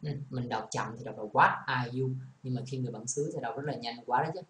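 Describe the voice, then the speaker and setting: A man's voice: mid-range voice, fast talker. A man with a Vietnamese accent teaches an English lesson, walking through each example with patient explanation. His voice sits in the middle range. It rings in an echoey room, with a faint hiss underneath. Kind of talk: classroom lesson.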